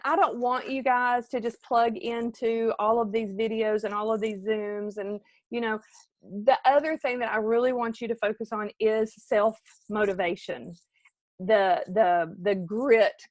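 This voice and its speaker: A middle-aged woman, giving an animated motivational talk to her team on a live video and calling out viewers by name. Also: on the high side, no room sound. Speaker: team leader.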